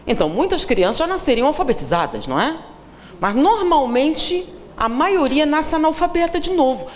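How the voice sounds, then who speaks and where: A woman's voice: sits high, sing-song, normal speed. A Brazilian woman with a Brazilian Portuguese accent, giving a seminar lecture, teasing the audience with questions and acting out the people she quotes. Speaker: seminar speaker. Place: lecture hall. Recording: reverberant hall, faint room noise.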